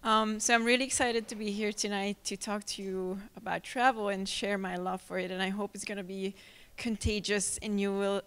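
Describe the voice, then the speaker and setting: A young adult woman with a Hungarian accent giving a friendly, unhurried live talk about travel, with many ums and self-corrections. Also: medium pitch, a bit bright, recorded from a distance. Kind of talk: live presentation to an audience. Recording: echoey hall, mic from afar.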